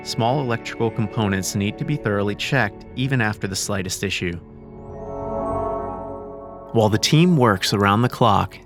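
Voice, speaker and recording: Male narrator for a scripted documentary, low pitch, clear music behind.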